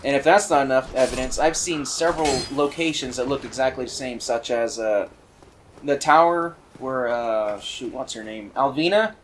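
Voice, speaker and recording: A man giving casual, rambling commentary on a video game he is playing, full of fillers and excited asides. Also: mid-range voice, moderate pace, a little hiss or hum. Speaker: let's play commentator.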